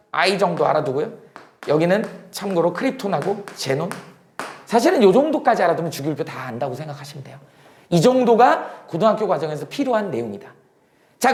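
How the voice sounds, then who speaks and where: Lively male science lecturer who quizzes the class and answers himself; echoey room. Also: high voice. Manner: explains in a casual speaking style, asks questions and then answers them himself. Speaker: science teacher.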